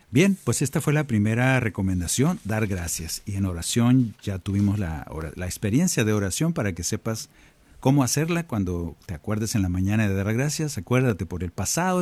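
Husky-voiced man leading prayer. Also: on the low side, no echo. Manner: animated, acts out quoted voices, addresses listeners as brothers and sisters. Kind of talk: prayer reflection addressed to listeners. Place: own recording studio.

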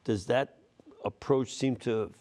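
A Polish American man, a priest hosting the show, responding thoughtfully and at a measured pace. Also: medium pitch, fairly even intonation, darkish tone. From United States, Polish American. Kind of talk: reflective conversational interview.

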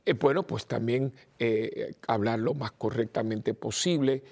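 A creaky, darkish, medium-pitched voice belongs to an older male priest with a mixed Spanish accent. His homily is informal and wandering, full of repetitions and fillers.

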